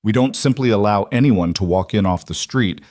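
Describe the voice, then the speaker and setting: A man voicing a snobbish, condescending male restaurant host in a pompous, drawn-out manner. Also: lowish voice, a little mellow, no echo, studio quality, natural voice. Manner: pompous, drawn-out sneering delivery.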